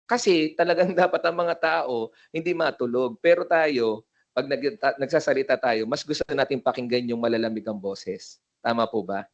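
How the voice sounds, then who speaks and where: A man's voice: mid-range voice, moderate pace, lo-fi sound. Filipino man lecturing on hosting. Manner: code-switches, frequent tag questions, demonstrates voice techniques. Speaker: seminar speaker on event hosting. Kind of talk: Taglish lecture. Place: seminar room with live audience. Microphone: handheld microphone.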